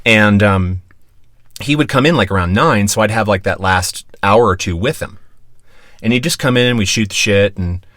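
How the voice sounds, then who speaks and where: A man from Pennsylvania with a low, deep-set voice spins a rambling story as a podcast guest. He swears freely and keeps it loose and animated. The sound is dry and close, with no room echo. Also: moderate pace. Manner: profane, animated anecdote-telling. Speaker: guest, former radio DJ.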